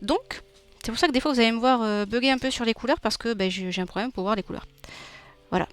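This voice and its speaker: A woman's voice: on the high side, fast. A young woman with a southern French accent from Nîmes, chatting casually with her viewers while drawing on a live stream, laughing often. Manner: chatty, warm, laughs often, reads chat aloud. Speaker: streamer and illustrator.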